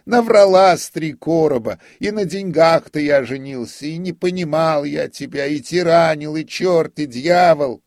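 A man voicing an aggrieved middle-aged notary who speaks in stiff, formal phrases and turns mocking and loud. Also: deep voice, a little slow, slightly rough, no room sound, clean studio sound, full character voice. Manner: formal, pleading then sneering and shouting.

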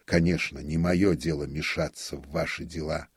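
A man voicing an aggrieved middle-aged notary who speaks in stiff, formal phrases and turns mocking and loud. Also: extremely low pitch, fairly even intonation, normal speed, slightly rough, no echo, exaggerated voice. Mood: stiffly formal. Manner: formal, pleading then sneering and shouting.

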